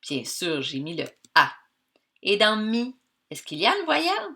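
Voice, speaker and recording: Lively Québécois teacher stretching out sounds. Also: female voice, mid-range voice, creaky. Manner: slow, stretched-out sounds of words for young learners; encouraging, addresses pupils directly. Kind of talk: children's reading lesson.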